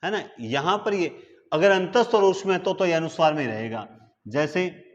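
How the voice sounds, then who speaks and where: A man's voice: a little high, animated, normal speed, highs cut off. A man teaching a live online grammar class. He stretches words out syllable by syllable and keeps asking the class whether they follow. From India. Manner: stretches out words syllable by syllable while explaining at a board; asks the class rhetorical questions to check understanding.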